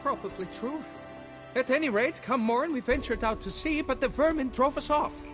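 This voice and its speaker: A man's voice: extremely high pitch, moderate pace, a bit bright, faint music behind. A man voicing a fussy, blustering quarry foreman in a game fan dub, flustered and pleading, with old-fashioned oaths.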